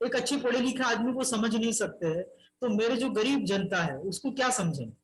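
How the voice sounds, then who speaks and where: High-voiced man giving an earnest Dharma talk. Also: expressive, fairly quick, rough recording. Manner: earnest storyteller, retelling a life story in first person; addresses listeners as brothers and sisters. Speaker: Buddhist teacher.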